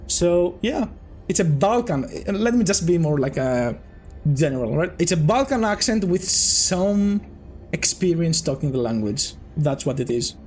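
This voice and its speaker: Soft music plays in the background as a Greek game developer, his accent lightly British-tinged, rambles casually to viewers mid-game and often corrects himself. His voice is on the high side, expressive and a little mellow, at a measured pace.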